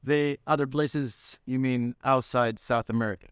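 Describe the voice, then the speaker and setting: A medium-pitched, clear and resonant male voice with fairly even intonation and a moderate pace, recorded at studio quality without echo. The speaker, a young restaurant owner from Palestine, tells his story in a casual interview set in a small restaurant room, restarting sentences often while searching for words.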